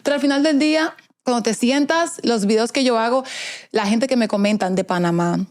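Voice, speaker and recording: This young woman's voice is a little high, brisk and a touch mellow, with a Dominican accent. Of Dominican heritage and raised in the US Virgin Islands, she's a media personality appearing as an interview guest. She chats casually, switching between Spanish and English and laughing often.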